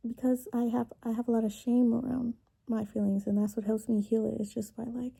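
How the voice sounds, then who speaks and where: A woman in her twenties venting confessionally to camera, halting and tearful, with long pauses and words trailing off. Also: a little high, flat delivery, gravelly, mellow, husky. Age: 20s. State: emotionally upset, tearful. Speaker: vlogger. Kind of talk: confessional personal vent to camera.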